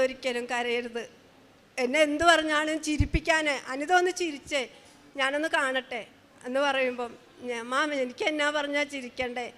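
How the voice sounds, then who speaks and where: A woman giving an emotional, halting personal testimony at a shrine. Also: high-pitched, a bit bright, in a large hall.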